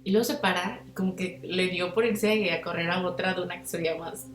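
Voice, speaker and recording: A woman's voice: fairly low pitch, fairly quick, reverberant, soft background music. A young Mexican woman hosting a podcast, telling a personal story in casual slangy chat and acting out what people said. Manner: animated, slangy, acts out quotes with big voice swings. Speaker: podcast host.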